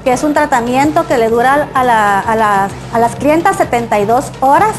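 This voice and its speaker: A woman's voice: sits high, lively intonation, moderate pace, over music. A woman representing a salon answers an interviewer's questions in a friendly, explanatory way, with a few small restarts. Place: indoor salon.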